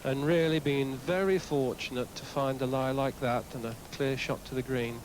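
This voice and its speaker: A man with a medium-pitched voice commentates live on golf. The outdoor sports broadcast has clear background noise. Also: fairly even intonation, moderate pace.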